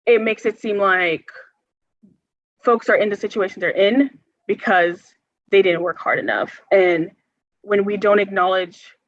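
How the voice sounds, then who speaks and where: A woman's voice: mid-range voice, measured pace, pauses often. A young woman from the United States, an organizer, earnestly answering forum questions with many hesitations and filler words. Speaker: health care organizer, forum guest speaker. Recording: dull, muffled sound.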